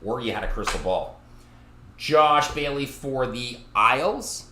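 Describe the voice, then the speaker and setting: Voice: mid-range voice, animated, a little slow, pushed and bright. A card break host, chatting through a live box break and teasing viewers by name from a card shop. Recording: roomy echo.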